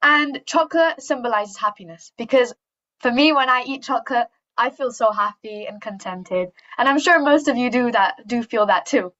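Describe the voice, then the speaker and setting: A woman's voice: on the high side, moderate pace, a bit bright. A woman giving a chatty, joking presentation over a video call, with an upbeat, self-deprecating manner. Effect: heard over a video call. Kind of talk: casual presentation with jokes. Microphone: computer mic on a video call. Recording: muffled video-call audio.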